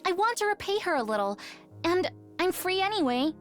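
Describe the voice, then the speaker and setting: A woman voicing a kind, caring young girl in a game, gentle but insistent. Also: extremely high pitch, sing-song, brisk, soft background music. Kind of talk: game voice acting.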